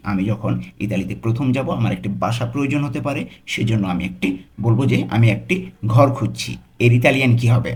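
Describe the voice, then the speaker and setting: A man teaching a language lesson, repeating short phrases word by word and explaining each one. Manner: breaks phrases into single words, repeats them slowly; pitch jumps up on quoted phrases. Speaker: language tutor. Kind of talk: teaching Italian phrases in Bengali.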